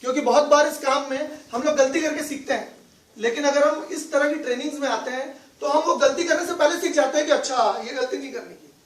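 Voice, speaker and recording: A man's voice: extremely high pitch, a little fast. A man giving a business training seminar to a live audience. He mixes English phrases into his talk and keeps checking with the audience through questions. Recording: echoey room, voice from far off.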